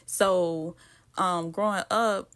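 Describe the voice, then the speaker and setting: A woman's voice: fairly low pitch, fairly even intonation, extremely slow, fairly bright tone. A woman with a Southern US accent chatting casually to her viewers while she cooks, with lots of asides. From Southern United States. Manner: chatty, talks straight to viewers with frequent asides. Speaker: cooking vlogger. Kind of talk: casual chat while cooking.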